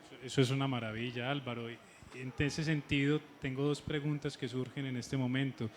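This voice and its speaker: A man interviewing a writer, asking long, measured questions with hesitant restarts. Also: medium pitch, steady tone, a little hiss or hum.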